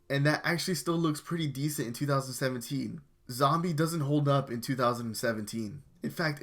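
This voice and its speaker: A young man giving a dry, dismissive game review in a scripted narration. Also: medium pitch.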